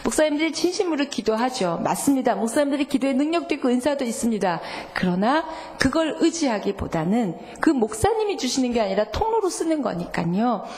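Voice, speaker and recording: Woman pastor, fairly high voice, lively church sermon with sudden whispered emphasis. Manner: lively preaching, acts out God's voice, drops to whispers for emphasis. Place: church sanctuary.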